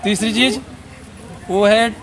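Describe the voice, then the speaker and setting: Man, announcer, high voice, casual quizzing, outdoors, loud crowd, heavy noise. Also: fairly even intonation, slow pace. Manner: conversational, quizzing students. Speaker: event announcer. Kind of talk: announcing prizes at a school outdoor program. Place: outdoor school event.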